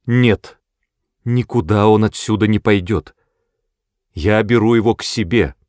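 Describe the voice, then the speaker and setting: A man reading a firm, steady mother. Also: lowish voice, no room sound, clean studio sound, natural voice. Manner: quiet and measured, turning stern. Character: calm, firm-willed mother and wife.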